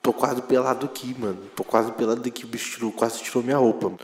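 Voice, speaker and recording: A man's voice: mid-range voice, steady tone, quick pace. A young man from Brazil calling in over a phone on speakerphone, talking in slangy, breathless bursts as if hiding from something. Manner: slangy, breathless, playing at being chased and hiding. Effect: heard over a phone on speakerphone. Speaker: podcast regular calling in. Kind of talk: casual chat. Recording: echoey speakerphone call with long reverb.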